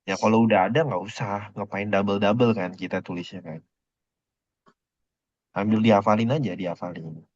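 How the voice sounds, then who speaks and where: A man's voice: fairly low pitch, steady tone, normal speed, long pauses, darkish tone, no echo. A male Mandarin teacher, teaching a class casually and checking on his students with short questions. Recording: dull lo-fi classroom recording.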